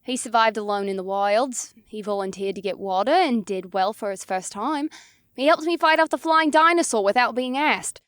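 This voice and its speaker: A woman's voice: a little high, dry recording, clean studio sound, close to an everyday voice. A woman voicing a tired, serious feline alien warrior who speaks formally in an audiobook. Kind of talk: audiobook character voice.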